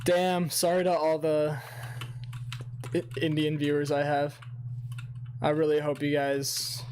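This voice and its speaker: A man's voice: on the high side, monotone, slow, a little mellow, a little hiss or hum. A young man streaming a game, talking in a rambling, profane and self-mocking way to his viewers. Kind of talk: casual livestream gaming chat.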